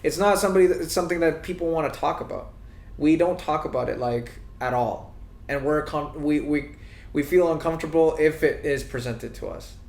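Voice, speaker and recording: A man's voice: a little high, a little fast, vocal fry. A man from Pakistan, a podcast guest who talks in a casual, agreeable way. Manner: agreeable, backs the host up with steady affirmations. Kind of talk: casual conversation. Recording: roomy echo.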